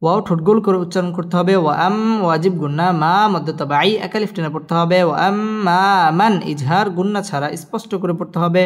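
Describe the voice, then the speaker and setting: A man teaching Quran recitation, chanting each verse slowly and then explaining the pronunciation rules in quick, even speech. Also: high-pitched. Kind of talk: slow Quran recitation lesson with spelled-out tajweed rules. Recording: echoey hall with faint music.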